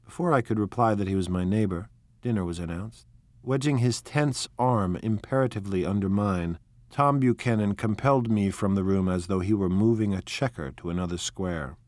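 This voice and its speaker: A man narrating a novel in a measured, even storytelling manner. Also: lowish voice, no room sound. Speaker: audiobook narrator. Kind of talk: scripted narration.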